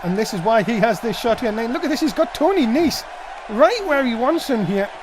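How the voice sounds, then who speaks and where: A man giving excited wrestling play-by-play commentary with dramatic, exclamatory calls. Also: very high-pitched, brisk, background noise.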